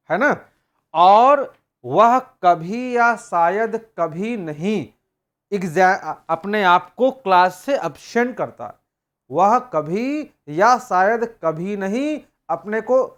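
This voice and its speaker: A man teaching grammar in a recorded lecture. He explains step by step and reads example sentences slowly, word by word. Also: high voice. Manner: slow, explanatory, reading English examples word by word.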